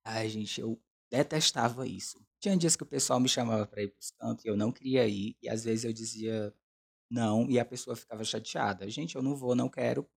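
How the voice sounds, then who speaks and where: Creaky and fairly low, this man's voice runs a little fast as he hosts a casual, confessional podcast chat. He's Brazilian, in his twenties, and plays things campy and self-mocking, peppering his talk with slang.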